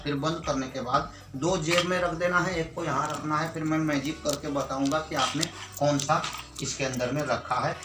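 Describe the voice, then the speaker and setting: A man's voice: on the high side, recorded from a distance. An Indian man giving a magic tutorial like a party magician, with showman patter, addressing viewers as friends. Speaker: magician demonstrating and selling magic tricks. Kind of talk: magic tutorial patter with counting and nonsense magic words. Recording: echoey room, off-mic, music behind.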